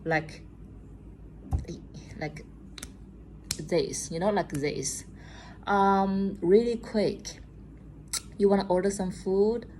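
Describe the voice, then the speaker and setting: A young Chinese woman from China chats casually to camera as a vlogger in a room at home at night, often tacking "okay?" onto her sentences. She has a Chinese accent and a mellow, medium-pitched voice, speaking very slowly with frequent pauses. The audio is poor, with a little hiss or hum.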